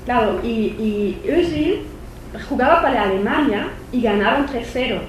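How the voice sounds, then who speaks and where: A woman's fairly high voice comes at a measured pace through an echoey lecture hall with faint noise. She's a German-accented visiting lecturer speaking a non-native language at a university conference, hesitant and prone to fillers and restarts.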